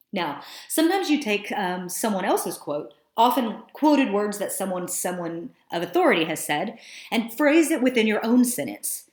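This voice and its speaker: A woman teacher narrating a screencast lesson in an explanatory, conversational way with some fillers. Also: medium pitch. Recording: roomy echo.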